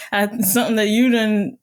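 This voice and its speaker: A young woman co-hosting a podcast, chatting casually with a giggly, rambling manner and plenty of fillers. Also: mid-range voice. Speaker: podcast co-host. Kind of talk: casual chat.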